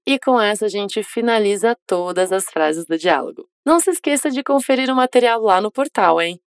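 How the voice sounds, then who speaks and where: A woman teaching English, explaining phrases and modeling them slowly for listeners to repeat. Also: on the high side, clear, resonant tone, no echo, clean studio sound. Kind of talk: language lesson narration.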